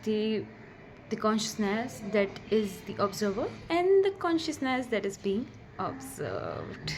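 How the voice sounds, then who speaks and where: A woman in a casual vlog, explaining scriptures with chatty, excitable asides and frequent restarts. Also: mid-range voice, a little hiss or hum.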